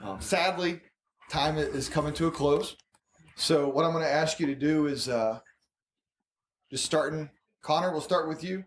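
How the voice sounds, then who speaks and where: A man moderating a panel discussion, brisk and organizing, with a joking aside now and then. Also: on the high side, a little hiss or hum.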